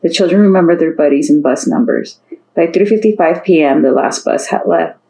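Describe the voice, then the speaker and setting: A woman's voice: fairly low pitch, fairly quick, gravelly, warm tone, rough recording. A woman narrating a story aloud, reading steadily and lifting her voice for the characters' lines.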